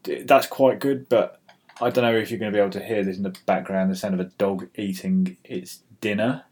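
A British man hosts an amateur weather show, rambling casually on his own in a dry, grumbling, mock-exasperated way. His voice is on the low side, fairly even, a little fast and a little mellow, with a breathy edge, captured by a built-in laptop microphone.

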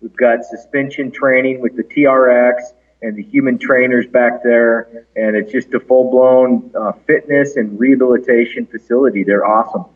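A man's voice: mid-range voice, fairly even intonation, normal speed, phone-quality sound. A man in casual conversational talk, his voice echoing in a large conference room as he speaks as an interviewed clinic founder. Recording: echoey big conference room, band-limited, distant.

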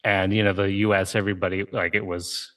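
This man in his forties, from Ohio, USA, is a game creator telling his story as a guest in a conversational interview. He speaks easygoingly, full of "you know" and "right?", with a low, flat, fairly bright voice at a slightly fast pace.

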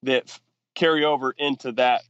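A man's voice: mid-range voice, steady tone, moderate pace, a bit bright, clear, resonant tone, no room sound, highs cut off. A man who is a football offensive coordinator, explaining his work in a podcast interview, often restarting sentences with fillers. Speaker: football offensive coordinator and quarterbacks coach, guest.

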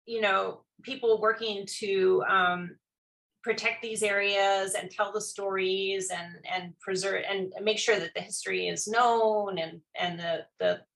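Here the host is a woman with a medium-pitched, gravelly, fairly bright voice, steady in tone and unhurried. She runs a casual online panel chat in a loose style full of fillers and restarts.

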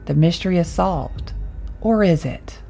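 A woman narrating a horror story in a calm, measured reading voice. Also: lowish voice, vocal fry, soft background music, low-quality recording.

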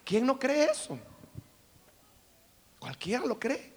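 A man preaching a sermon, emphatic and dramatic, swinging from shouts to hushed tones. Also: very high voice, very animated, slow pace, breathy edge. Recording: long reverb of a large hall.

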